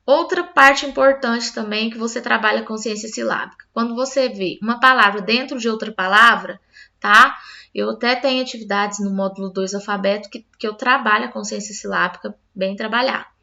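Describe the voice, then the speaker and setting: A woman's voice: fairly high pitch, brisk, vocal fry, sharp tone, dull audio. A woman teacher explaining a lesson patiently, step by step, often checking in with her listeners. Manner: patient, explains step by step with frequent "tá?" tag questions.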